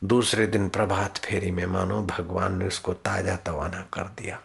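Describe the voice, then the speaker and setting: A man's voice: low-pitched, little pitch movement, normal speed, creaky, husky. A man preaching at a devotional gathering, telling a story dramatically and acting out its voices.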